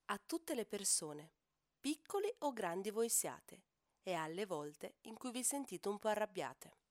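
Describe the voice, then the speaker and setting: Lively woman reading a rhyming children's tale. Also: mid-range voice, unhurried, no echo, clean studio sound. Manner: lively, sing-song rhyming delivery. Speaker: storyteller. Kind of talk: rhyming children's story narration.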